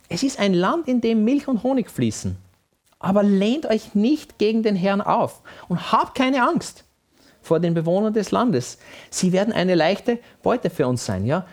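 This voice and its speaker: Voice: medium pitch, a little mellow. A Bible teacher, giving an emphatic teaching talk and often checking with the listener.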